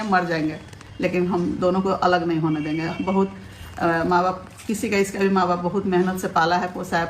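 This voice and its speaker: A woman, talking to her viewers in a casual vlog and giving earnest advice in a steady, homely way. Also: medium pitch, a little hiss or hum. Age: 50s. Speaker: family vlogger, mother-in-law.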